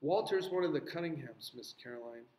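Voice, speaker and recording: A man's voice: fairly high pitch, lively intonation, fairly quick, darkish tone, roomy sound, close to an everyday voice. A man voicing an earnest, outspoken young girl who explains things plainly to her teacher.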